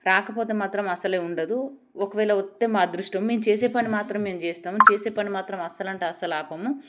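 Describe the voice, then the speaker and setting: A woman's voice: medium pitch, a little fast, heavy background noise, natural voice. A woman voicing a stubborn, hardworking male farmer in a spoken folk tale, talking firmly and defiantly. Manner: firm, defiant.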